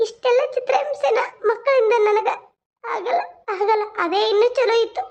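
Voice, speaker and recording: A woman's voice: very high voice, vocal fry, muffled recording. A woman voicing a grieving middle-aged mother who weeps as she talks. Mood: sorrowful. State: crying.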